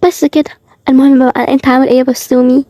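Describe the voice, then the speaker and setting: A woman's voice: high-pitched, little pitch movement, rapid-fire, mellow, dry recording, studio quality, voice pushed up, natural voice. A woman voicing Dima, an affected young woman with an Egyptian accent who keeps changing her way of talking. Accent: Egyptian Arabic. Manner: affected, shifting sing-song delivery. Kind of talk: voice acting for a cartoon role-play video.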